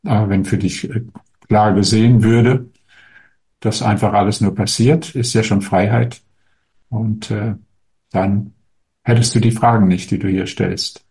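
A man speaking as a spiritual teacher, answering viewer questions in a calm, musing way with frequent hesitations. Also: on the low side, a little slow, pauses often.

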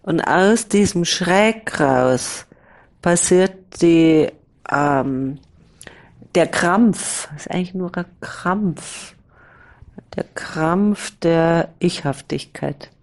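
A woman speaking as a spiritual teacher in a slow, reflective dialogue, pausing often and talking in drawn-out fragments. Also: on the low side, a little mellow.

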